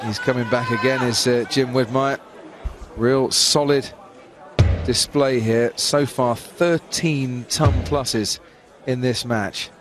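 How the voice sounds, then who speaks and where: A male sports commentator with a mid-pitched voice, talking conversationally through live darts play. A lively crowd is clearly audible behind him. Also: takes it slowly, over music. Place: commentary position at darts event.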